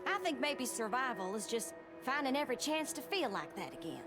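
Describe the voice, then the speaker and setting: A woman's voice: high voice, very animated, brisk. An actress playing a tough, tired woman zombie survivor in a video game who talks bluntly and uses folksy slang. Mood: resolute. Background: game music.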